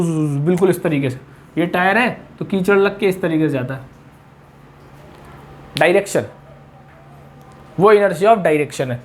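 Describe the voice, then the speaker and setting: A middle-aged man lecturing a class on physics, chatty and full of questions to his students. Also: high voice. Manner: chatty, mixes English terms into explanations, asks the class questions. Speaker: physics teacher.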